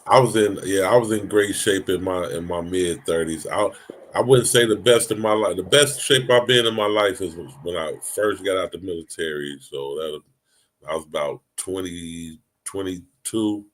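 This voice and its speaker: A man on a casual podcast panel, talking in a measured, matter-of-fact way. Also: low-pitched, a little hiss or hum. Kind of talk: casual chat.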